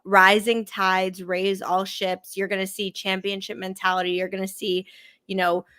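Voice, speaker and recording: A woman's voice: medium pitch, flat delivery, normal speed, pushed and bright, smooth, no room sound. A woman, hosting a casual live sports stream, upbeat and chatty, full of "you know" and "like". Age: 20s. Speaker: sports show host.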